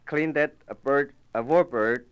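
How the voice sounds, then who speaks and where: A man's voice: mid-range voice, unhurried, smooth, lo-fi sound. A man from China, speaking hesitant, broken English in a street interview. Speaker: student and laundryman.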